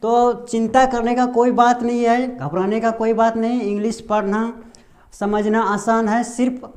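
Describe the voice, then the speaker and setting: A man from India teaching English pronunciation, slowly explaining each rule and answering his own questions. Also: very high voice, little pitch movement, darkish tone. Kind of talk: slow explanatory lesson with repeated questions.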